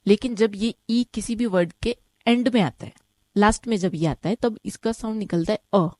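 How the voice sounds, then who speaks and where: A mellow-voiced woman, pitched in the middle range, teaches German online, breaking the lesson into steps and regularly asking "ठीक है?". Example words come out slowly, each said twice, in a dry, close recording without any room reverb.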